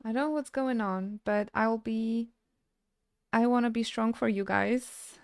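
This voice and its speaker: A woman game streamer chatting casually with her live audience, halting and stammering as she thanks viewers between frequent laughs. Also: a little high, gravelly, smooth, no room sound, clean studio sound.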